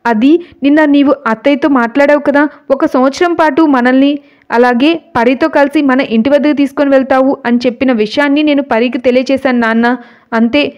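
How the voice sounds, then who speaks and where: A woman's voice: sits high, steady tone, brisk, a little mellow, lo-fi sound, close to an everyday voice. A woman voicing a frightened young girl who pleads. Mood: tearful.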